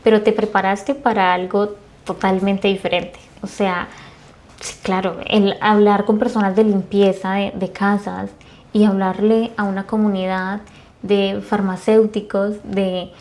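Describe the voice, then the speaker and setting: A woman's voice: medium pitch, little pitch movement, measured pace, darkish tone. A woman from Colombia with a Colombian accent, hosting a conversational interview, chatty, echoing her guest and asking follow-up questions. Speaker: host.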